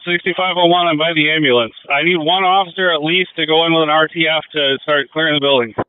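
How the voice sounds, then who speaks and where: A man reports over a police walkie-talkie, brisk and businesslike, talking fast with a clean, smooth tone. The radio squeezes his voice into a thin, tinny band, dry with no room around it. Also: on the high side, fairly even intonation, no room sound. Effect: heard over a police walkie-talkie. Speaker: police officer on scene.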